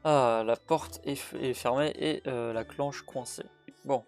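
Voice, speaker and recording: Translating a horror game's text as he plays, this YouTuber keeps stumbling into fillers and restarts. His voice sits at medium pitch, somewhat mellow and a touch slow, with fairly even intonation. Game music hums faintly underneath.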